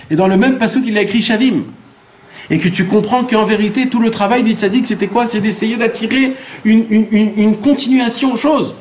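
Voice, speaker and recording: A man, a rabbi, teaching a Torah lesson who poses rhetorical questions, answers them himself, repeats phrases for emphasis and drops in Hebrew terms. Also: sits high. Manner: mixes Hebrew terms into his speech.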